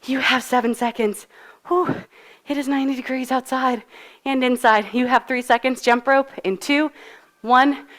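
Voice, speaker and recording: In a fitness studio, a female instructor leads a live workout, out of breath as she exercises, cues moves, and counts down. Her high voice stays steady at a normal speed, upbeat and encouraging.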